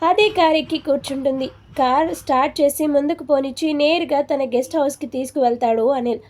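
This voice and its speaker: Woman storyteller, high voice, mellow tone, steady expressive reading, scripted story narration.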